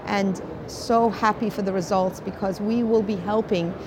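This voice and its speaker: A woman doctor, an interventional cardiologist, hosts an interview at a medical conference and speaks effusively and emphatically. Her mid-range voice has fairly even intonation and a moderate pace, and the conference noise behind her is clearly audible.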